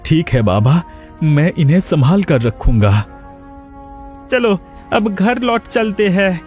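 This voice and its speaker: Man playing a young cartoon husband, anxious, eager, high-pitched, pleading. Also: very animated, slow, a little mellow, faint music behind, full character voice. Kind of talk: cartoon voice acting.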